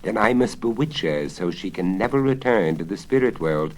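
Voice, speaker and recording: A man's voice: on the low side, animated, normal speed. A man voicing a cunning, greedy old wizard in a theatrical, coaxing storybook manner on a crackly vinyl record. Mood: scheming, gleeful. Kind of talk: dramatic storybook reading. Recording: crackly 1970s vinyl spoken-word record.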